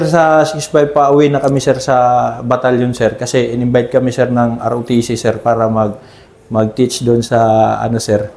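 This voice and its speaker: Speaking in a mellow, medium-pitched voice, a former army scout ranger team leader shares war stories in a relaxed, respectful interview. Almost every phrase he says closes with a deferential "sir." Roomy echo fills the audio, along with a little hiss or hum.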